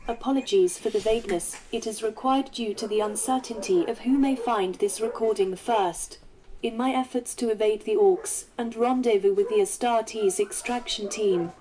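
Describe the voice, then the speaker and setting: A woman performs a female inquisitor leaving a terse, formal field report as an in-game audio log. The voice sits fairly high and the words come in a clipped, report-like way. A busy crowd murmurs underneath. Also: lightly acted, low-quality recording.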